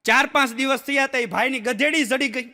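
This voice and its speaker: A stand-up comedian with a bright, ringing voice tells folksy jokes, acting out the people in his stories. His voice carries a long echo through a large hall. Audience laughter rises between his lines. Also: extremely high pitch, brisk. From Gujarat, India. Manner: animated storyteller who acts out the people in his jokes. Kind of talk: folksy stand-up joke telling.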